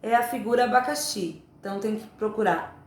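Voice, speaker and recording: A woman teacher giving a remote lesson to young children, explaining slowly and patiently. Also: medium pitch, vocal fry. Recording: echoey room, faint ambience.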